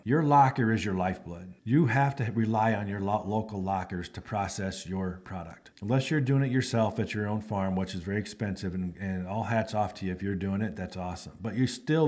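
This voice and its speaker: A man's voice: fairly low pitch, a little mellow. Emphatic man hosting a farm podcast. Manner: emphatic, repetitive, folksy; acts out phone calls in quotes. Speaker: podcast host. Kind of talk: casual monologue.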